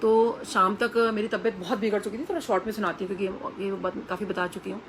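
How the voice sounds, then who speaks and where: A woman's voice: medium pitch, little pitch movement, fast, slight background noise, rough recording. A woman telling an earnest personal testimony to a congregation, acting out the voices of the people she quotes. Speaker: devotee sharing a testimony.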